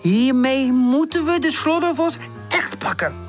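A woman's voice: high voice, expressive, unhurried, over music, pitched above the performer's own voice. A woman voicing a sensible young female dog who sounds bossy and exasperated.

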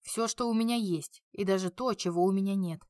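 A woman's voice: mid-range voice, fairly quick, darkish tone, no room sound, studio quality, close to an everyday voice. A woman reading a bitter, worn-out beaten man. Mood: weary. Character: bitter beaten French man, cold and weary.

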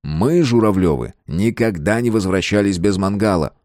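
A low-voiced young husband, wry and easygoing, who jokes his way through everything, as a male audiobook reader plays him. The sound is dry and close, with no room around it. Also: lively intonation, moderate pace, a little mellow, dry recording. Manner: joking, easygoing. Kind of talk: audiobook character voice.

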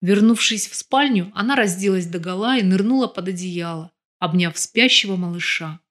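Female audiobook narrator, mid pitch, even storytelling read. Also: moderate pace. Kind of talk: scripted narration.

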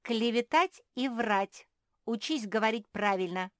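A woman voicing a sarcastic, sharp-tongued girl hedgehog who keeps scolding, in a storybook reading. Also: on the low side, big pitch swings, very slow, no room sound, clean studio sound, full character voice. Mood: snide. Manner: snide, scolding.

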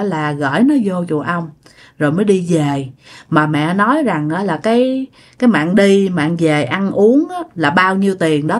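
Woman, Southern Vietnamese accent, casual ghost-story narrator, talks straight to listeners. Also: mid-range voice. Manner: chatty, addresses listeners directly.

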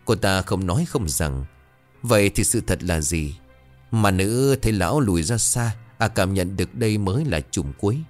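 Deep, lively male horror storyteller, faint music underneath. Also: moderate pace. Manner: dramatic, expressive. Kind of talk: ghost story narration.

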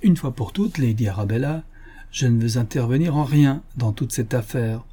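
A man's voice: medium pitch, moderate pace, mellow, breathy edge, close to an everyday voice. A man voicing a stubborn, principled older country doctor who speaks in a firm, indignant, emphatic way, in an audiobook.

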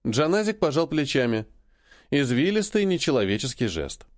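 A man narrating a science fiction audiobook in an expressive, dramatic way. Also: mid-range voice, normal speed.

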